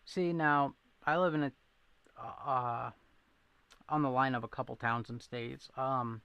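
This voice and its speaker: A man's voice: mid-range voice, fairly even intonation, measured pace, bright, forceful tone, smooth, dry recording, dull audio. A man hosting a casual live stream, rambling and chatting with viewers and answering their comments. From southeastern Massachusetts. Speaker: livestream host.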